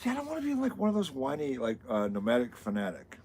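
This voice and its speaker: A man's voice: medium pitch, wildly swooping pitch, fast, darkish tone, slight background noise. A man co-hosting a travel vlog who chats casually, speaking bluntly and swearing freely as he tells stories with animation. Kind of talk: casual chat.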